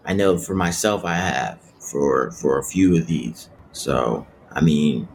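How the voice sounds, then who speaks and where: A man on a podcast panel giving his scores and arguing his case earnestly, with halting restarts. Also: extremely low pitch, creaky. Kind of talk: casual podcast discussion.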